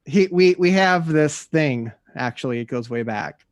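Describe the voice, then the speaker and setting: A man's voice: fairly high pitch, lively intonation, a little slow, no room sound, studio quality. A man as a podcast guest in casual chat, telling easygoing anecdotes with chuckles.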